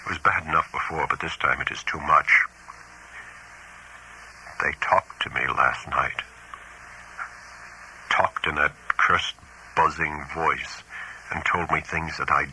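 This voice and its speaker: A frightened farmer writes in haste and dread, read aloud by a man. His voice sits extremely low yet rings bright and edgy, the words halting and haunted. It is an audiobook of horror tales. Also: slight background noise, heavily acted, rough recording. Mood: frantic. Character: frightened older male farmer writing letters. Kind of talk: audiobook reading of horror letters.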